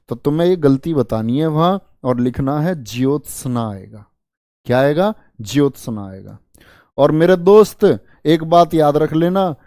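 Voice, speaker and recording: A man's voice: fairly high pitch, darkish tone, dry recording, clean studio sound. A man teaching spelling to exam students in a chatty, affectionate way, repeating words to drill them. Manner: dramatic promises to students. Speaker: Hindi teacher for exam prep. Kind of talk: online exam-coaching lesson.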